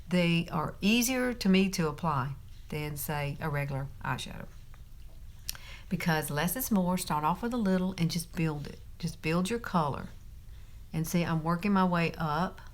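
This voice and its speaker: Chatty woman in her fifties, lowish voice. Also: a bit bright. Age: 50s. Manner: chatty, giggly, talks straight to viewers. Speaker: beauty vlogger. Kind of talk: live makeup tutorial chat.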